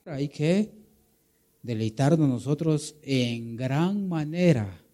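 A man's voice: fairly high pitch, lively intonation, slow pace, warm tone. A man with a Guatemalan Spanish accent preaching a sermon, emphatic and full of rhetorical questions, often calling listeners brother.

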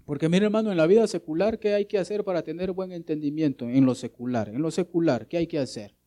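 A man preaches with sweeping swings between hushed and booming delivery, firing rhetorical questions at his congregation. His voice sits a little high for a man yet sounds warm and soft-edged. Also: quick pace. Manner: keeps addressing listeners as brother. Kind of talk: sermon.

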